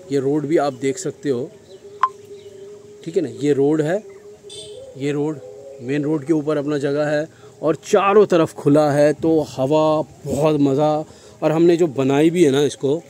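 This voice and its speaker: A man's voice: on the high side, mellow. A man in his thirties with a Kolkata Hindi accent, giving a casual outdoor tour of his goat farm and talking straight to viewers as "brother", recorded on a phone. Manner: chatty, addresses viewers as brother, frequent tag questions. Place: outdoor farmyard with goats.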